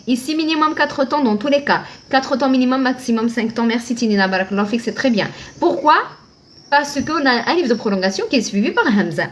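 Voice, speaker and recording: Woman, high voice, patient live online teacher who quizzes and answers herself. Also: lively intonation, brisk. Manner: patient, asks and answers her own questions, thanks viewers by name. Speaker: Arabic reading teacher.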